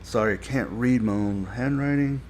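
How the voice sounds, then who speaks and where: A man giving a casual spoken review, rambling and halting with many fillers and restarts, blunt and critical. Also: mid-range voice, darkish tone, a little hiss or hum. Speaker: show reviewer.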